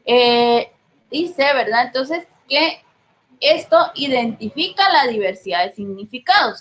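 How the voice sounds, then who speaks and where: In a low-quality recording, a female teacher speaks in a slightly high voice with a Guatemalan Spanish accent. She lectures her class patiently, regularly pausing to check in with listeners by posing rhetorical questions.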